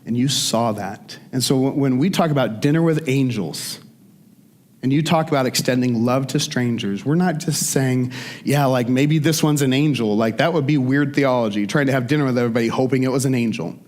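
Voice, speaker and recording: Pastor, forties, casual conversational sermon delivery, mid-pitched man. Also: fairly quick, darkish tone. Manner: casual, conversational, many fillers and restarts.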